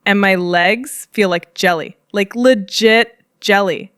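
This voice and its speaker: A young woman tells a storytime vlog in a chatty, dramatic way, often breaking into giggles and slang aimed at her viewers. Her voice has an ordinary middle pitch. The sound is dry and close, with no room echo. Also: slow pace, a bit bright. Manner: slangy, addresses viewers directly. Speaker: storytime narrator.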